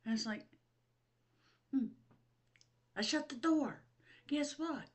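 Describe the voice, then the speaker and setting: A woman's voice: on the high side, takes it slowly. Chatty older woman. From Ohio. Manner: rambling, chatty, laughs often, self-mocking. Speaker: vlog host. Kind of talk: casual chat to camera. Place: at home.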